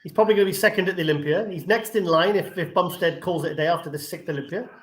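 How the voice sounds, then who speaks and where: A man from Wales chatting casually as a co-host and tossing out quick opinions. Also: high voice. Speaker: co-host commentator. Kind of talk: casual chat. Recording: roomy echo with faint noise.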